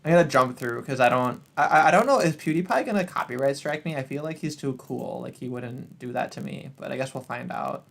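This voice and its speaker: A man with a gravelly, fry-edged voice hosts a casual live stream. He rambles along in a chatty tone and laughs at himself as he goes. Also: medium pitch, a little fast, few pauses, a bit bright. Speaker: streamer host.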